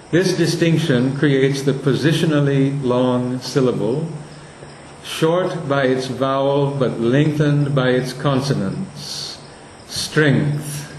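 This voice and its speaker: A man lecturing a class on poetic meter, speaking slowly and deliberately and reading verse lines aloud to show where the stresses fall. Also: mid-range voice, a little mellow, reverberant, slight background noise, low-quality recording.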